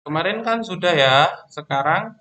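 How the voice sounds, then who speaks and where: A man teaching a primary school class online, explaining slowly and patiently, often pausing on "ya" and "terus". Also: high voice, expressive, bright, forceful tone, slight background noise.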